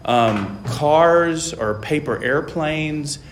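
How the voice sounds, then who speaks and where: A man who grew up in Taiwan giving an informal classroom lecture, halting, with many fillers and restarts, often checking in with "right?". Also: fairly high pitch.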